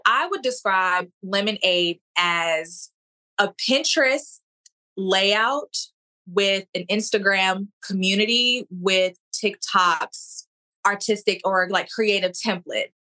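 A woman's voice: mid-range voice, slow, sharp tone. A woman in her thirties, a content creator talking casually as an interviewee. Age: 30s.

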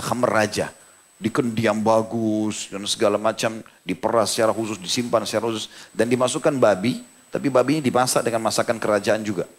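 A male preacher from Indonesia giving a sermon, telling a story dramatically and then explaining scripture to his listeners. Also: fairly low pitch. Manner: dramatic storyteller, voice rising and dropping with the tale. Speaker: Islamic preacher.

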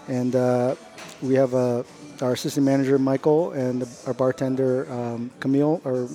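A middle-aged man, a chef, talking about his restaurant in a relaxed, unhurried way with lots of fillers. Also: mid-range voice. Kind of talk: casual interview chat.

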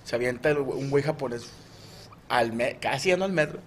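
A Mexican man telling crude jokes casually among friends, full of slang and doing lively voices for the characters. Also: medium pitch, fairly quick, slight background noise. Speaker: joke teller.

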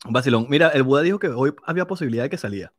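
A young man hosting a casual live chat with friends, excitable and joking. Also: mid-range voice, racing, no room sound. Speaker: podcast host. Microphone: desk mic, live stream.

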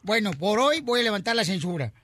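A man hosting a morning radio comedy show, telling jokes loudly and playfully. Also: high voice, sing-song, fast, very noisy. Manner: loud, playful joke-telling.

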